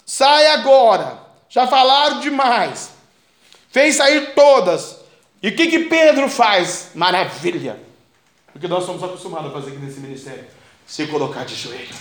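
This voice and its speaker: A preacher, delivering a fervent, repetitive sermon that builds to shouts. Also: male voice, on the high side, animated, moderate pace, echoey room. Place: church.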